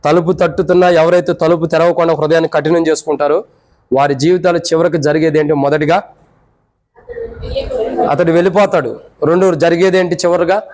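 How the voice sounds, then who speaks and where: A man preaching a sermon as a pastor, firing rhetorical questions at the congregation and swinging from raised pleading to low quiet asides. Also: fairly even intonation, brisk, pauses often, rough recording.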